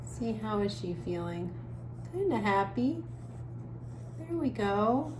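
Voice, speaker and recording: In a noisy, echoing room, a children's art teacher leads a creative drawing session, her voice slow and middle-pitched. She's very animated yet gentle and casual, musing aloud with trailing pauses as she draws.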